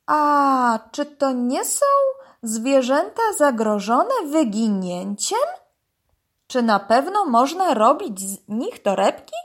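A woman's voice: high voice, big pitch swings, slow pace, bright, forceful tone, pitched above the performer's own voice, exaggerated voice. Woman voicing Urwis, a jittery young dog. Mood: surprised, unsure. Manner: surprised and anxious. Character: curious, easily frightened young male dog.

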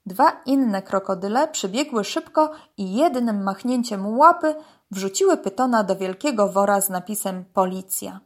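A woman narrating a children's animal story, reading aloud gently. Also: medium pitch, expressive, normal speed.

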